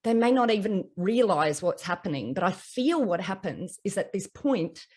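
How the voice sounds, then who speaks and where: A woman's voice: mid-range voice, very animated, normal speed, a little mellow, husky. Reflective woman hosting a podcast. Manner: reflective, thinking aloud with "um" and repeats. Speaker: podcast host, lawyer. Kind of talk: conversational interview.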